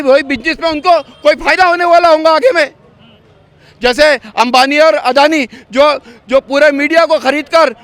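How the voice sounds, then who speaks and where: Man, very high voice, street interview, argumentative, rhetorical questions, outdoors. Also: fairly bright tone. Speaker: local voter interviewed on the street.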